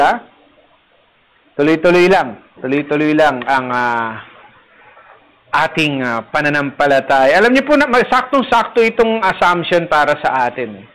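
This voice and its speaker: A parish priest chats casually on a livestream from a third-floor rooftop garden, reading viewer comments, greeting people by name, and teasing playfully while laughing at his own jokes. His voice is a little high and fairly bright, and the recording quality is low.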